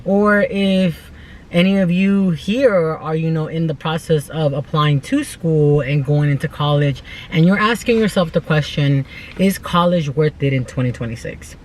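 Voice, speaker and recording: A deep-voiced woman in her twenties, an American vlogger born in El Salvador, talks casually and earnestly in an unscripted vlog with informal, emphatic phrasing. She speaks a little slowly, with a slight hiss or hum in the background.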